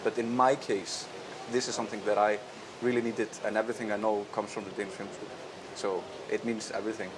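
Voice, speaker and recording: A man from Iceland, a film director, answering interview questions in a thoughtful, halting way with many fillers. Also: on the low side, flat delivery, background noise. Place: outdoor festival terrace with a crowd. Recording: crowd chatter behind.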